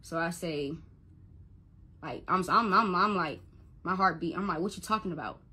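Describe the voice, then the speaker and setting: Husky, forceful young woman, stammering. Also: on the low side, moderate pace. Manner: stutters and repeats words when upset. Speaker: mother telling her story. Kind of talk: emotional personal account to camera.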